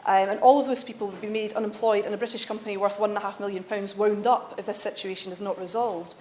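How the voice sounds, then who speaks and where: A woman delivers a parliamentary debate speech at a brisk clip. She argues earnestly and insistently, often catching and correcting herself, over faint background noise. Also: mid-range voice, steady tone, darkish tone, reverberant. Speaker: member of parliament leading a debate. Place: debating chamber.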